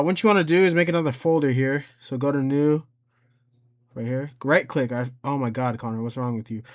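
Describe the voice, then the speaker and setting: A tutorial creator with an average-pitched voice guides viewers through a piece of software. He sounds casual and unpolished, frequently talking to himself and thinking aloud as he explains each step.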